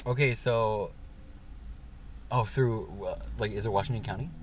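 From a parked car, a young male podcast co-host rambles through a casual chat, his speech packed with fillers. He has a lowish voice at a moderate pace, and there's a slight hiss or hum.

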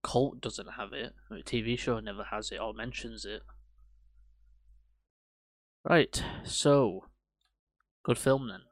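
A man hosts a film podcast in loose, rambling chat, swearing as he goes. His voice sits at an ordinary middle pitch. The sound is dry and close, with no room echo. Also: takes it slowly, long pauses. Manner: rambling, swears casually, animated when ranting. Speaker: podcast host. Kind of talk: casual film review chat.

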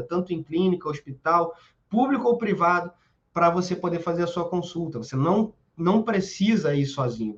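A man with a Brazilian accent teaching self-defense in a casual, emphatic way, full of slang and quick "right?" checks. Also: sits high, dull audio. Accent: Brazilian Portuguese. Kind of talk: informal spoken lesson.

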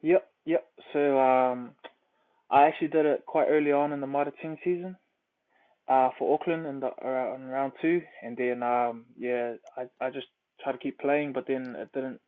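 A man's voice: mid-range voice, fairly even intonation, normal speed. A young man with a New Zealand accent, a rugby player chatting casually as an interview guest, laid-back with lots of fillers. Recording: tinny phone-like line.

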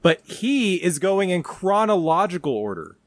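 A man's voice: high-pitched, sing-song, unhurried, no echo. A man hosting a podcast in casual chat, laughing often and poking fun at himself. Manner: laughs often, self-deprecating. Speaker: podcast host.

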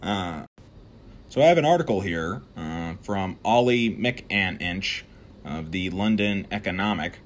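A man hosting an opinionated political commentary show, talking straight to his viewers in a sarcastic, animated way. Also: deep voice, a little slow.

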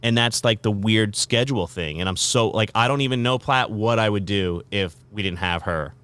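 Rambling low-voiced man, radio host. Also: moderate pace, a bit bright, smooth. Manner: rambling, full of fillers and restarts. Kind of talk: casual interview chat.

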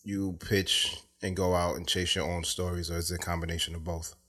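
A man hosts an interview podcast in a casual, conversational way. His voice is very low, and he asks probing questions, often rephrasing them mid-sentence. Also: level tone, fairly quick, sharp tone. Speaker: podcast host.

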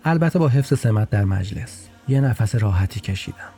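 A man's voice: on the low side, lively intonation, mellow, faint music behind. A man narrating a personal story in a podcast with a wry, humorous touch.

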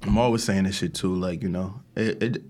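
A man's voice: low-pitched, fairly even intonation, brisk. A man hosting a podcast, chatting casually with friends in slangy, profane talk and repeating his phrases. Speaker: podcast host. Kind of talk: casual chat among friends.

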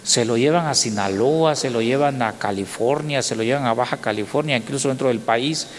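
Mexican pastor preaching in a reverberant hall. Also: male voice, medium pitch, fairly quick. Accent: Mexican Spanish. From Oaxaca, Mexico. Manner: storytelling, rising to loud indignant exclamations. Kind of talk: sermon. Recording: long hall reverb, faint noise.

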